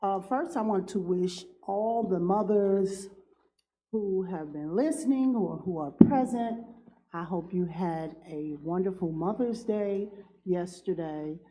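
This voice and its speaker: Slow, halting woman with a cold. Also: mid-range voice, mellow, poor audio. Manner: halting, many ums, earnest. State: has a cold, cough drop in mouth. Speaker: town councilwoman. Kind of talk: closing remarks at a council meeting.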